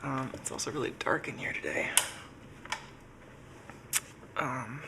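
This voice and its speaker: A man with a medium-pitched voice and vocal fry speaks at a slow pace in a very noisy recording. He's sick and congested, chatting casually on a live stream from his home workshop and thinking aloud with lots of fillers.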